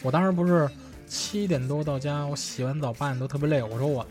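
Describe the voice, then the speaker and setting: A man's voice: on the high side, fast talker, soft background music. A man, co-hosting a podcast and telling stories in casual chat, acting out the people he quotes. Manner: animated storyteller, acts out quoted exchanges. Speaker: podcast co-host.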